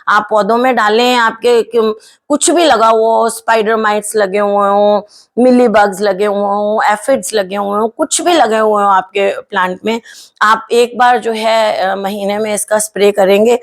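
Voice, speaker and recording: A woman with a fairly high voice walks viewers through a home gardening lesson. She explains things step by step in a chatty way, leans on tag questions and fillers, and slips words in as she goes. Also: moderate pace. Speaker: gardening channel host.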